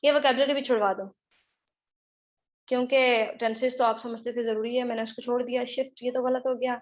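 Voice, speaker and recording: A young woman with a high, bright voice runs a live online spoken-English class and teases and scolds her students in a brisk way. She slips English phrases into her speech. The sound is dull and lo-fi, as if from a computer mic on a video call. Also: steady tone. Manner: teasing, brisk and scolding, mixing English phrases into Hindi-Urdu.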